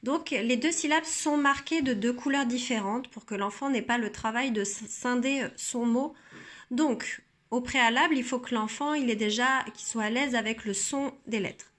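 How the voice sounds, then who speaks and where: A woman teacher calmly explaining a reading method, sounding out syllables slowly and carefully. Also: a little high. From France. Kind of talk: instructional demonstration.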